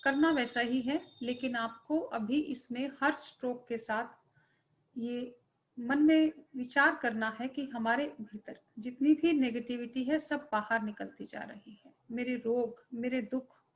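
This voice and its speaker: A woman meditation teacher giving calm, gentle guided meditation instructions. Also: fairly high pitch, a little slow. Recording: muffled lo-fi recording.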